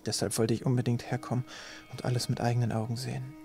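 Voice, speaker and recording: A man voicing a remorseful young man in an audiobook, speaking quietly and subdued. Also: mid-range voice, little pitch movement, fast talker, vocal fry, music in the background, lightly acted.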